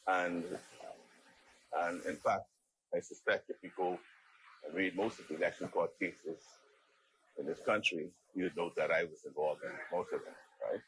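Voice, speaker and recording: A man with a Bahamian accent speaking in parliamentary debate, emphatic and repetitive, with halting phrasing. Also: sits low, steady tone, a bit bright, low-quality recording. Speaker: member of parliament. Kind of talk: impromptu parliamentary debate speech. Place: legislative chamber.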